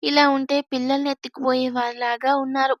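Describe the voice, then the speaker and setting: A woman's voice: high-pitched, level tone, fast, dry recording, lo-fi sound, natural voice. A woman voicing a timid, innocent young girl bride who chatters anxiously. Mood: innocent fearful.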